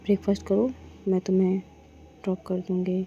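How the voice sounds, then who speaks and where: A woman's voice: medium pitch, completely flat delivery, a little fast, dark tone, natural voice. A woman voicing a teasing, stubborn young woman who insists on getting her way, in a story. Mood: insistent. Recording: dull lo-fi with faint noise.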